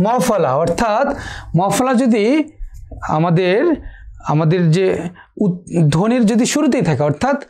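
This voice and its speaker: A teacher giving an exam-prep lecture on pronunciation rules, asking questions and answering them himself, repeating key points. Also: male voice, extremely high pitch, darkish tone. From Bangladesh. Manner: asks and answers own questions, repeats for emphasis.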